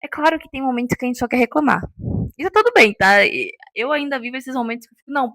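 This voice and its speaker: A young woman talks off the cuff in a casual vlog. Her voice sits a little high, and she keeps checking in with her listeners. The sound is dry and close, with no room around it. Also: animated, fast talker, a bit bright, no room sound. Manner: chatty, checks in with listeners often. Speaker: vlogger. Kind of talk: unscripted casual vlog talk.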